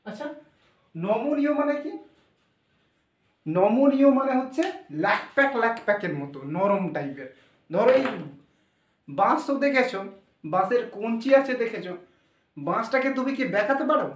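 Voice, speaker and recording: A man teaching English pronunciation, explaining step by step and asking his students questions. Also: very high voice. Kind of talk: explanatory classroom lesson. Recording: echoey room, voice from far off.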